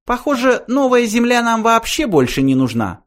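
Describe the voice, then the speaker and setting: A man squeaking as a chatty, weary little mouse. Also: sing-song. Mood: matter-of-fact. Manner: brisk, talkative, fed up.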